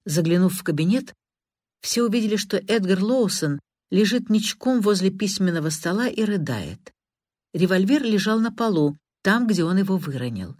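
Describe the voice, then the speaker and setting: A woman narrating an audiobook in an even, measured reading. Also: medium pitch, no echo, clean studio sound. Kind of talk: scripted narration.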